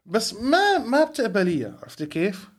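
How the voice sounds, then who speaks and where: Speaking briskly in a high-sitting voice, a man with a Levantine Arabic accent co-hosts a podcast. His talk is casual, blunt and opinionated, full of animated stories with bits of English dropped in.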